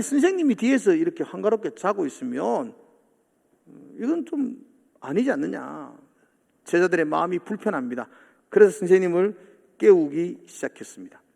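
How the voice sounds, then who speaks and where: Animated pastor preaching in a reverberant church. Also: male voice, high voice, gravelly. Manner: animated preaching, acting out the disciples' complaints. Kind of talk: sermon. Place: church sanctuary. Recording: long hall reverb.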